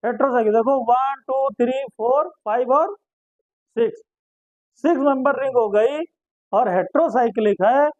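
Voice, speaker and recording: High-voiced chemistry teacher. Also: male voice, moderate pace, dry recording, highs cut off. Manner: asks students questions and answers them himself, repeats terms. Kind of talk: classroom lecture.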